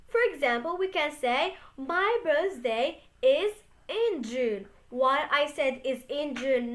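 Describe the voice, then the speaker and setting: A young woman hosting a beginner lesson, speaking slowly and carefully and stressing the example words. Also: sits high, fairly bright tone. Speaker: English teacher, channel host.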